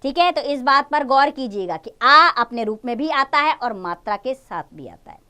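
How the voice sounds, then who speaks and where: A young woman teaching a Hindi lesson to small children. She draws out each word slowly, repeats it, and coaxes them with questions. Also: high voice, animated, bright, forceful tone, clear, resonant tone. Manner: drawn-out syllables when modelling words, repeats each word twice. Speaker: primary school Hindi teacher.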